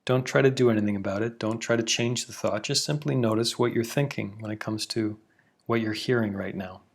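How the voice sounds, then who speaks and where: Slow, calm, and soothing, a man from Canada leads a guided meditation in a slightly low voice. He lets long silences fall between each gentle instruction.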